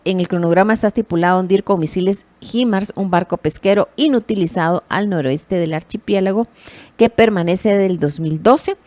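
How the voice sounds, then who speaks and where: A woman delivering news commentary in a casual, animated way, correcting herself as she goes. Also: medium pitch. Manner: lively, animated emphasis with self-corrections.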